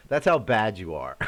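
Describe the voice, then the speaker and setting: American guy chatting on his live stream, lowish voice that jumps around a lot, rambly and friendly with chat. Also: a little hiss or hum. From United States. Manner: rambling, chatty, laughs often, talks to chat viewers by name.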